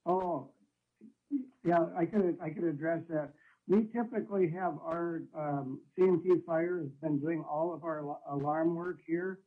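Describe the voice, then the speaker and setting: A man speaking over a crackly, thin phone line, his voice pitched a touch high. He answers the council politely and works through his explanation with hesitant fillers. The call sounds tinny and squeezed, as if dialed in from afar. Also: fairly even intonation, a little slow. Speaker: city staff member answering council questions. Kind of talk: calling in to a council meeting.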